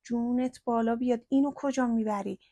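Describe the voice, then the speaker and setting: A woman voicing a fussy, flustered older housewife who scolds and frets in quick exclamations in a spoken storybook. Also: a little high, steady tone, warm tone, no room sound. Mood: scolding.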